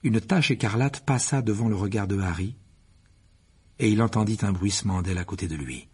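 A man's voice: lowish voice, brisk, breathy edge. A man reading a fantasy novel aloud as narrator, telling it expressively and rising with the action. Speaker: audiobook narrator.

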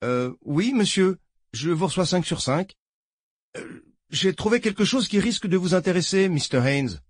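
A man's voice: high-pitched, lively intonation, moderate pace, no echo, studio quality, voice pushed up. A man voicing a nervous young male sheriff's deputy who keeps hesitating over the radio. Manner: hesitant, stammers with frequent "uh".

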